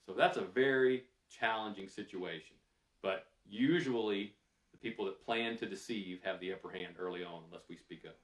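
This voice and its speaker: A man's voice: on the low side, moderate pace. A man answering audience questions after a lecture, candid and conversational, thinking aloud with fillers. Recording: roomy, mic some distance away.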